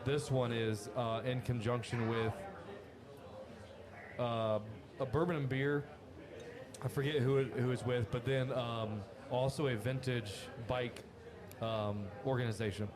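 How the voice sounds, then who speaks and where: A man telling a story on a podcast, lively and quick to laugh. His voice sits at an ordinary middle pitch. A room full of chatter carries on behind him. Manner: animated storyteller, laughs often. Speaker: guest from a cigar company. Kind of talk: casual podcast chat. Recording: crowd chatter in background.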